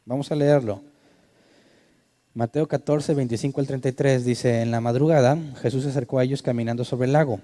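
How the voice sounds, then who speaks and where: A man's voice: mid-range voice, fairly even intonation, brisk, dark tone. A male pastor, teaching a sermon conversationally and asking his listeners questions. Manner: conversational, asks the audience questions.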